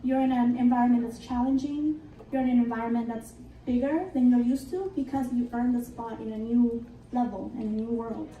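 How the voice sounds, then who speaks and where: A young woman from Argentina, a native Spanish speaker, gives an earnest, reflective conference talk in a high, mellow voice. She sounds a little off the mic, and the hall around her is roomy and echoing. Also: fairly even intonation, brisk, far from the mic, a little hiss or hum. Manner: earnest and reflective, with light laughs. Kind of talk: prepared motivational talk.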